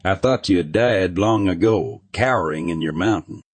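A man's voice: deep voice, normal speed, slightly rough, no echo. A man voicing an arrogant, cruel male sorcerer in an audiobook, speaking with a sneering, taunting manner.

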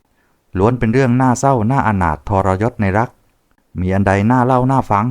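A mysterious old fortune-teller speaks with a sly, cryptic, unhurried manner, as a man narrating a novel puts him on. The voice sits somewhat higher than the reader's own deep tone, teasing and knowing. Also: clean tone, natural voice.

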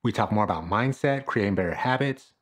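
A man's voice: lowish voice, expressive, a little fast. A man in his thirties, a fitness coach, giving an upbeat, jokey scripted talk to camera in a small room at home.

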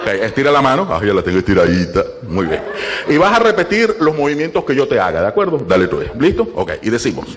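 A man's voice: mid-range voice, wildly swooping pitch, fast talker. A man doing playful stand-up crowd work, ordering a volunteer around. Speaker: stand-up comedian. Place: comedy club stage. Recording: loud live audience in a club.

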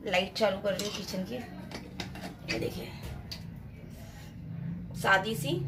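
A woman's voice: mid-range voice, background noise. A woman from India chatting casually to her viewers in a home vlog, talking through dental pain, recorded on a phone camera indoors. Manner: chatty, addresses viewers directly. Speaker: vlogger.

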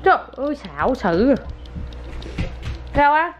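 A woman's voice: high-pitched, big pitch swings, takes it slowly, soft background music. A young woman, a mother talking casually to camera while coaxing her toddler at home. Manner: chatty, coaxing, sing-song talk to a child. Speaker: vlogger, mother.

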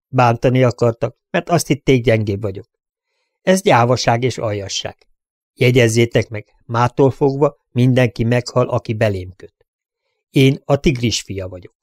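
A man voicing a calm, fearless young gunslinger in an audiobook, speaking quietly and steadily. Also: medium pitch, no echo, clean studio sound, natural voice. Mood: threatening. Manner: quiet and steady, turning sharp when he threatens. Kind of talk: audiobook character voice.

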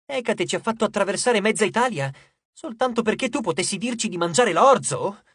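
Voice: mid-range voice, lively intonation, brisk, a bit bright, husky, no echo, clean studio sound. An audiobook narrator voicing a moody teenage boy, son of the underworld god, who speaks bluntly and sarcastically. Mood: sarcastic.

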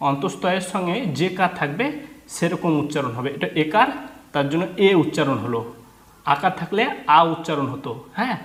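A man teaching children to read, patiently sounding out letters and asking and answering his own questions. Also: on the high side. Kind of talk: children's reading lesson. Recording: echoey room.

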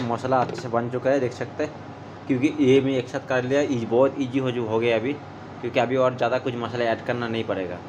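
A man's voice: mid-range voice, noisy background. Chatty man narrating home cooking. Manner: chatty, step-by-step, keeps saying "friends". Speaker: cooking vlogger. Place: home kitchen.

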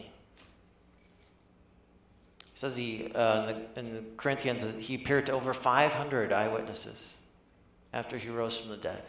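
A pastor delivers a conversational, animated sermon in a church and keeps asking his listeners questions. His voice is bright and forceful. The sound rings around a roomy hall. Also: medium pitch.

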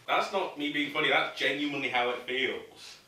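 A man joining a casual tasting review, reacting loudly and animatedly. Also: a little high, unhurried. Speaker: co-host, guest taster. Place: indoor room. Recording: echoey room, distant mic, faint noise.

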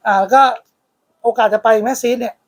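A man who owns a card shop and hosts a channel, chatting casually in a blunt, crude and teasing way inside his card shop. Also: normal speed. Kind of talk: casual chat.

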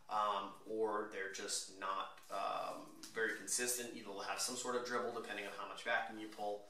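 Brief: lower-voiced man, bright tone, DIY car walkthrough in a roomy garage, mic off at a distance. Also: a little hiss or hum. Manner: relaxed, rambling, many fillers. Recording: echoey room, mic at a distance.

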